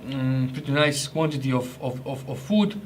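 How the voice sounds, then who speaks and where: Brief: young man, mid-pitched, chatty and jokey food vlogger, faint noise behind. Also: normal speed. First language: Croatian. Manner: chatty, joking, restarts and hesitations. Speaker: ration reviewer. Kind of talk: casual food review vlog.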